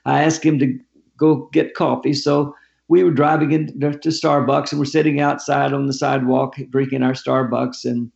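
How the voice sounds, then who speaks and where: A man's voice: medium pitch, normal speed, gravelly, highs cut off. An older man, a guest author, telling a story in an interview and acting out the people in it. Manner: animated storyteller who acts out quotes.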